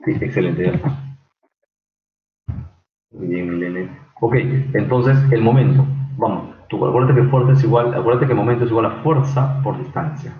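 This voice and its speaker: A low-pitched man teaches an online engineering class. He talks haltingly, full of fillers, and quizzes students by name. His voice comes through a thin, phone-like line in a roomy space with faint background noise. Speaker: engineering lecturer.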